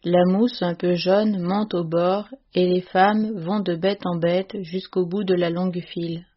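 A woman's voice: lowish voice, breathy edge, muffled recording. Woman reading a classic tale aloud. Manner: measured, expressive storytelling. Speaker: narrator. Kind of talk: audiobook reading of a classic story.

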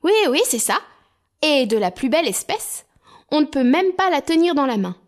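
A woman voicing a cheerful, boisterous young male simpleton in a storybook tale, calling out loudly and excitedly. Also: on the high side, moderate pace. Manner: loud, excited calls.

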